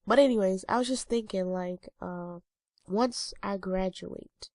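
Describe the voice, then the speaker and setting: A woman vlogger in her twenties speaks at medium pitch, a little slowly, with a darkish tone; the studio sound is clean with no room sound. Nose stuffed up, she rambles to her viewers in a casual talking-head vlog, peppered with ums and uhs.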